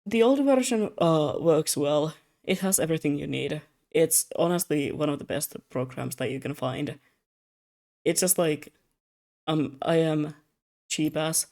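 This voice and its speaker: Drawing commissions live, a weary young adult whose first language is Russian chats loosely at a measured pace. The voice is middle-pitched, creaky and a little mellow, slurring slightly. Through a streaming mic, the rambling talk turns self-mocking amid frequent laughs.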